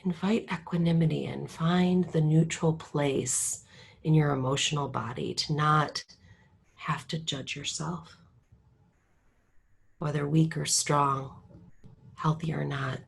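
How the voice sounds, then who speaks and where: In a deep, slightly rough voice with vocal fry, a woman leads a calm, unhurried guided meditation, sliding from a soft murmur down to a whisper.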